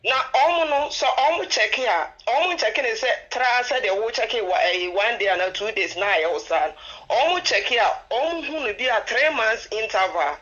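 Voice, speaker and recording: A woman's voice: on the high side, animated, normal speed, a bit bright. A woman with a Ghanaian accent giving informal advice as a caller to a phone-in show. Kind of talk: informal advice, switching between languages. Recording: dull band-limited call-in line.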